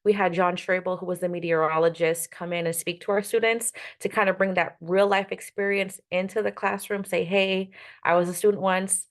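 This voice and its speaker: Speaking briskly in a lowish, level voice, this woman presents an online workshop on a video call as a media professor. Her delivery is upbeat and emphatic, dotted with "right?" and "okay?".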